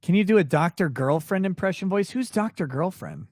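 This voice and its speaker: Fairly quick and expressive, with a slightly mellow, not-deep voice, this man hosts a casual late-night livestream. He reads viewer questions and fires back bluntly, crudely and with swearing, in clean studio sound free of room sound.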